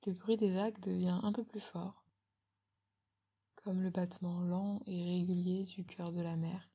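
A woman giving a slow, soothing guided relaxation in a breathy ASMR whisper, very close, as if right in the listener's ear. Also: lowish voice, flat delivery. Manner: slow, soothing, gently instructing.

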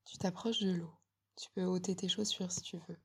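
Female, breathy close-up whisper right in the ear, ASMR guided meditation, slow and soothing, slightly crackly. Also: fairly low pitch, steady tone. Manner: slow, soothing, gently instructing.

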